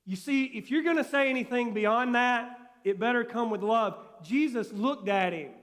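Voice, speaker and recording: High-voiced folksy pastor, reverberant. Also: male voice, moderate pace. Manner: folksy, conversational preaching with sudden soft drops. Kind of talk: sermon. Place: church sanctuary. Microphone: live stream. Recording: long hall reverb.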